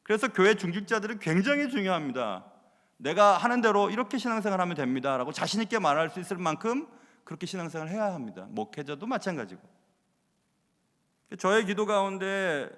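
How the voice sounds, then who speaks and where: A man preaching a sermon as pastor at live worship, acting out quoted lines with loud bursts and mixing in short English phrases. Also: high-pitched, big pitch swings, brisk. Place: church sanctuary during live worship. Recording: long hall reverb from church sanctuary.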